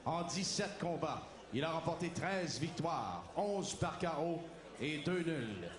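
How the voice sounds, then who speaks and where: A man working as a boxing ring announcer, formally presenting in French and English with ceremonial, drawn-out delivery. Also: a little high, expressive, a crowd in the background. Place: boxing arena. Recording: echoey arena PA with noise.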